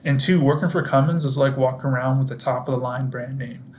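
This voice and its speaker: A young man speaks straight to the viewer, presenting his work in a scripted, explanatory way. His pitch stays mid-range and quite flat, with little melody. There is a faint hiss of background noise behind him. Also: fast. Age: young adult. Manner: upbeat, explanatory, addresses viewers directly.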